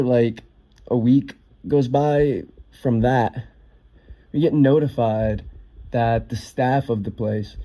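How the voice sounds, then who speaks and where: A man's voice: fairly low pitch, dark tone. A young man casually telling a personal story, offhand, swearing now and then with lots of fillers.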